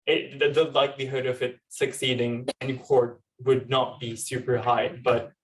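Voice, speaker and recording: A young Turkish man, a law student and activist, speaks at a panel event in a conversational, somewhat hesitant way at a moderate pace. His pitch stays fairly flat, and he sounds distant from the microphone, like a live event recording. It's informal panel talk with personal storytelling.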